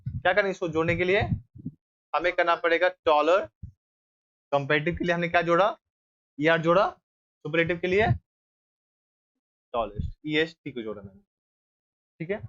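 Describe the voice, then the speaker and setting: A young man teaches a grammar class, walking his students through each step and stopping to check they follow. His voice sits a little high for a man. The recording is dull and lo-fi, as if picked up in a classroom. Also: a bit bright. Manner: explains step by step, asks rhetorical checks.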